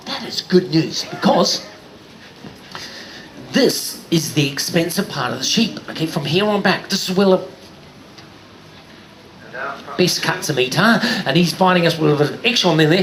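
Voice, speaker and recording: Higher-voiced New man, jokey showman. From New Zealand. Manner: jokey showman, addresses kids and audience. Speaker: sheep show presenter. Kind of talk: live show commentary for a crowd. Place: live show stage before an audience.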